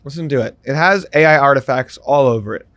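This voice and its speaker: A man's voice: medium pitch, quick pace, a bit bright. A man talking to camera as a music YouTuber, explaining things casually and then ranting, repeating himself as he gets worked up.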